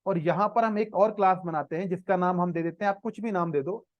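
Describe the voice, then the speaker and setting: A programming instructor with an Indian accent teaches a live coding class, mixing Hindi and English and checking in with his students. His high-pitched voice moves fairly quickly, and the online class audio is dry, slightly dull, with no echo.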